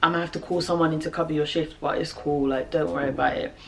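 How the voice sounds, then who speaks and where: A British woman quoting her male manager in a slightly lowered, offhand voice. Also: fairly even intonation, rapid-fire, vocal fry, fairly bright tone, recorded from a distance. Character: casual young male work manager, easygoing.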